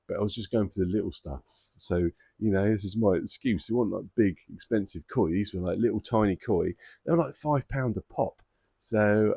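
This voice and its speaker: A man with a deep, low voice talks to camera like he's telling mates a story on himself. He's chatty and self-mocking and laughs along as he goes. The recording is close and dry, with no room sound. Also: dark tone, dry recording. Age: adult father of two boys. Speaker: koi-keeping vlogger.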